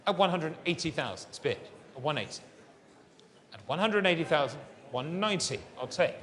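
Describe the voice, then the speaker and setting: High-pitched male fine art auctioneer in reverberant hall. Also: animated, brisk, fairly bright tone. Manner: polished, courteous fine art auctioneer patter. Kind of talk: live auction calling, repeating bids. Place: large auction saleroom. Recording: long reverberant hall sound.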